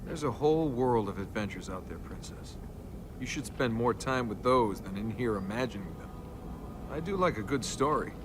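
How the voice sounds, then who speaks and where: An actor voices a flippant, sardonic young male adventurer in a video game, sounding wry and casual. His medium-pitched delivery is expressive and lightly acted at a moderate pace, with clear background noise in the recording.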